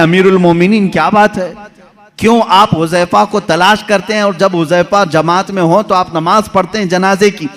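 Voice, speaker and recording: A middle-aged male preacher giving a sermon, swinging from loud poetic recitation to hushed storytelling. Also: high voice. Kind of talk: Urdu-Hindi religious sermon.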